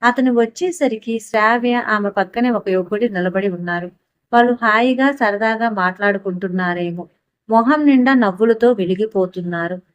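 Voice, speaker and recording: A woman reads a story aloud with steady, even storytelling. Her pitch sits in the middle. The recording is dry and close-miked. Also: normal speed, no echo. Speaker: audiobook narrator. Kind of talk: scripted story narration.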